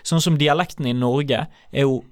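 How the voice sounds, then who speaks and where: A man's voice: medium pitch, fairly even intonation, dry recording. A man co-hosting a radio comedy show in a studio, rambling and joking in casual chat. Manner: rambling, joking, self-mocking. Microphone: studio mic.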